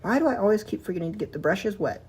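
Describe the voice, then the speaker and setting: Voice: medium pitch, expressive, rapid-fire, slightly rough. A streamer chatting casually while painting, rambling and talking to themself about the work. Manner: rambling, self-talk while working.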